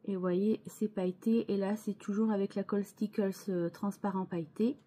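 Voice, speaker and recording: A woman's voice: mid-range voice, fairly even intonation, normal speed, dark tone. A woman hosting her scrapbooking channel, chatting casually as she shows her craft pages, hesitant and full of restarts, with chatty asides to viewers.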